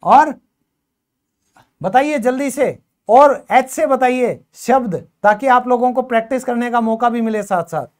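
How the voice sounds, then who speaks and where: A woman teacher walks her class through English letter sounds at an unhurried pace. Her voice sits a little high, and she repeats each word slowly and keeps nudging the students to call out more. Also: a little mellow. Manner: patient, drills words aloud and coaxes students to answer. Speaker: school teacher.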